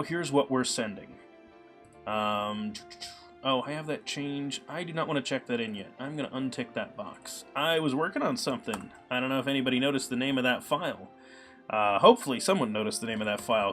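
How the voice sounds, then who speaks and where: A man chats through a live coding stream in an easygoing, meandering way, filling pauses with ums and uhs. His voice sits at an ordinary middle pitch and is a little scratchy from a cold. Soft background music plays faintly under him. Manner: relaxed, chatty, many ums and uhs. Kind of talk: casual live-stream talk.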